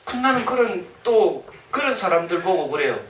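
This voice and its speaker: A male pastor delivers a sermon with a lively, swooping voice and a bright, sharp edge. He slips into the voices of the people he quotes. The sound is roomy and distant, with faint ambience in the church behind him. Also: sits high, normal speed, a little hiss or hum. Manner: animated, acts out quoted complaints. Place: church sanctuary.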